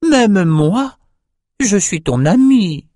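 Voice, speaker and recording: A man voicing a naive, childlike albino shaman slaver in an audiobook, in a high, slow, puzzled voice. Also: very animated, mellow, no room sound, studio quality, full character voice. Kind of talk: audiobook character voice.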